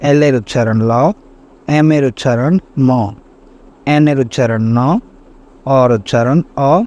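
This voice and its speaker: A man teaching a language lesson, reciting letters and syllables slowly and deliberately, one at a time. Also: medium pitch, fairly even intonation, dark tone. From Bangladesh. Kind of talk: slow spelling drill lesson.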